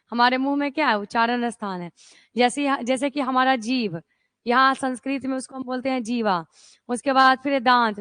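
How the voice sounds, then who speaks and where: A young woman with a high voice teaches an exam-prep class. She poses questions and answers them herself, checking in with "okay" again and again. The recording is dry, with no room sound. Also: fairly bright tone, dry recording. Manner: repeats "okay" and "isn't it" as checks.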